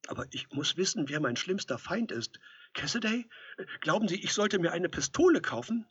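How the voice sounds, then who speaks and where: A man's voice: sits high, very animated, normal speed, fairly bright tone, husky, voice pushed up, full character voice. A man voicing an anxious, timid ordinary man who speaks hesitantly. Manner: hesitant, uneasy. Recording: dull lo-fi recording.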